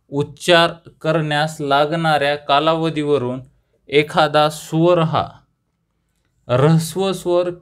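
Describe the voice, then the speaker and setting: Fairly high-voiced man teaching grammar. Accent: Marathi. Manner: slow, repeats terms, asks and answers own questions. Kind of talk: grammar lesson with writing.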